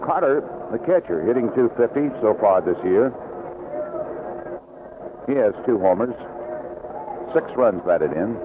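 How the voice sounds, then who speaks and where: A baseball play-by-play announcer with a fairly low voice calls a game live on 1970s radio from an outdoor ballpark broadcast booth, heard through tinny vintage audio with background noise. He describes things unhurriedly between plays, then rises with excitement when the action happens.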